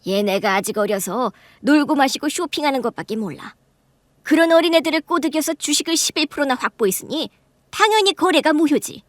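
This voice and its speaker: An imperious elderly chairwoman hands down demands in a radio drama, voiced by a woman. Her tone is commanding and high. The sound is close and dry. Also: expressive, a little fast, no echo.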